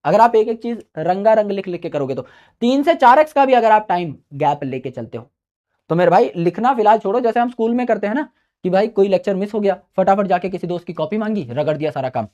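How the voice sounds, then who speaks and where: A man's voice: high voice, lively intonation, fast talker, darkish tone, muffled recording. A man teaching exam students in a casual advice talk. He is chatty and mixes in English phrases. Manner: chatty, mixes Hindi with English phrases, calls listeners "brother".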